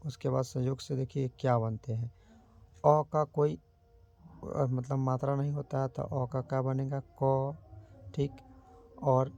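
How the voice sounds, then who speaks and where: A man teaching Hindi grammar, sounding out letters slowly and asking himself rhetorical questions to the viewer. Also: medium pitch, gravelly, darkish tone. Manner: slow, careful sounding out of letters. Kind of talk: explaining grammar lesson.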